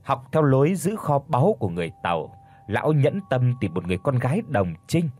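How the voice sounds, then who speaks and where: Give me a man telling a dramatic story, expressive and husky. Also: mid-range voice, fairly quick.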